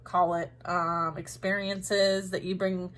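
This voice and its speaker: A woman's voice: on the low side, little pitch movement, slow, a bit bright. A woman giving a casual, rambling tarot reading directly to her listeners, talking with many fillers and often laughing at herself. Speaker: tarot reader.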